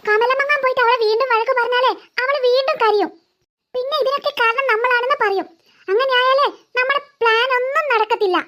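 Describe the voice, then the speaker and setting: An anxious cartoon girl frets over a secret plan. Her voice is very high, with a bright, sharp edge. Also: brisk. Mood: worried. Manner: anxious, urgent. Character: worried, scheming young girl planning a surprise.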